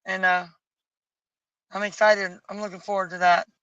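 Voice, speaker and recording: A woman streaming from home, chatting casually and musing aloud as she colors, with a bit of rough morning voice. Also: mid-range voice, little pitch movement, moderate pace, a bit bright, dry recording, dull audio. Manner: muses aloud, picky and chatty, folksy asides. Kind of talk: casual chat while coloring. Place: home at night.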